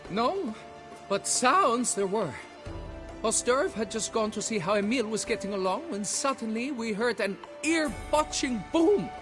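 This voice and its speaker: Brief: a man playing a shrill, fussy game foreman, voice swooping all over, always haggling. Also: animated, a little slow, music in the background. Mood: pleading. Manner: flustered, pleading and haggling, old-fashioned oaths. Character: fussy, blustering male quarry foreman, middle-aged. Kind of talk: fan dub of a video game.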